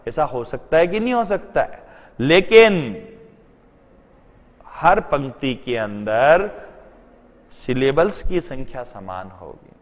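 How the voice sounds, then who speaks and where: A man's voice: mid-range voice, big pitch swings, slow pace, long pauses. Hindi-speaking man teaching in an echoey room. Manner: rhetorical questions answered himself; mixes in English terms and sentences. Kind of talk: exam-prep lecture. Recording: dull lo-fi sound in a long-reverb room.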